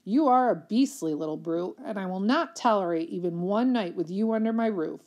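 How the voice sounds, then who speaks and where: A woman's voice: medium pitch, animated, fairly quick, darkish tone, lo-fi sound, natural voice. A woman voicing a haughty middle-aged foster mother who scolds in stiff, formal words. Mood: scornful. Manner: formal, scolding, lofty diction.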